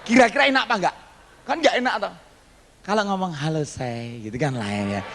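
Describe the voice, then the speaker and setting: A male pastor delivers a dramatic storytelling sermon, acting out the voices of characters and joking with the congregation. His voice is high, fairly quick and fairly bright, with huge swings in pitch. Long hall reverb and faint background noise fill the recording.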